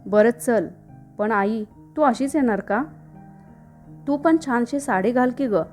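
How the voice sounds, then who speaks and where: A woman's voice: a little high, slow pace, darkish tone, faint music behind. A woman voicing an eager teenage daughter. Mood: affectionate.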